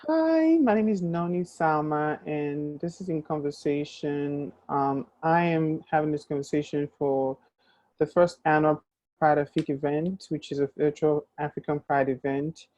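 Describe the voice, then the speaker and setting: A woman's voice: low-pitched, unhurried, dark tone. A woman from Nigeria hosting a conversational interview, asking questions in a friendly, curious way with many ums. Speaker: host.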